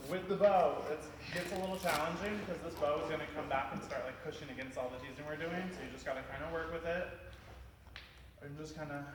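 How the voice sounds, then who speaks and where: A man explains a hairstyle step by step in a chatty tutorial voice that sits a bit high and is full of "like". He sounds set back from the mic in a roomy, echoing space. There is a clear noise behind him. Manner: chatty, fills speech with "like". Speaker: hairstylist teaching a cheer hairstyle. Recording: echoey room, distant mic, background noise.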